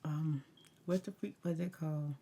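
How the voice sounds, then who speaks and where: A woman's voice: sits low, fairly even intonation, normal speed, warm tone, slight background noise. A woman ASMR vlogger rambling through a casual story time, talking candidly and emphatically with slangy asides and advice.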